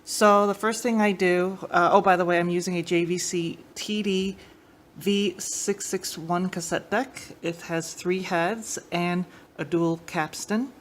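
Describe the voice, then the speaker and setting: Hosting a tape deck tech channel, this woman speaks at a fairly low pitch in a steady, unhurried tone. Her how-to demonstration is casual, informal and slightly hesitant, and the audio is clear with room ambience behind her.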